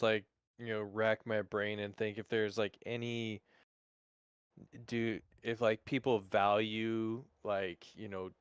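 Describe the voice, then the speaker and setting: A man playing a tabletop game, talking hesitantly in halting phrases. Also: fairly low pitch, a bit bright, smooth, no room sound, clean studio sound. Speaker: player. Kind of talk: casual tabletop game chat.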